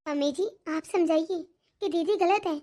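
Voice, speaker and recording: A woman's voice: very high-pitched, normal speed, warm tone. A woman voicing a sensible young daughter-in-law in a cartoon, polite and reassuring. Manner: polite, reassuring, level-headed. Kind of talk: cartoon dialogue.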